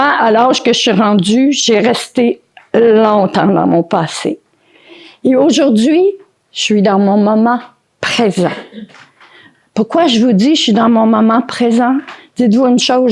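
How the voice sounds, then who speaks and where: An older woman with a Québécois French accent addresses a live audience in a slow, deliberate inspirational talk. Her voice sits a little high, and she leans on emphatic repetition to drive her points home. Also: darkish tone, husky. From Quebec. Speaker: conference speaker and author. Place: conference in France.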